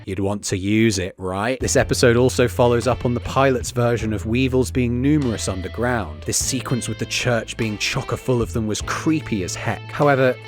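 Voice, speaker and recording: A man's voice: mid-range voice, normal speed, hardly any pauses, faint music behind. A man giving an enthusiastic, opinionated, scripted review of a TV series, swearing casually.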